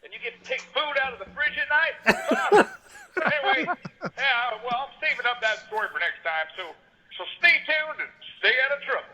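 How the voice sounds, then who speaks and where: A man's voice: extremely high pitch, fairly quick, crowd noise, poor audio. A man leaving a rambling, jokey voicemail, heard over a landline phone. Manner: rambling, jokey, deadpan absurd. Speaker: voicemail caller.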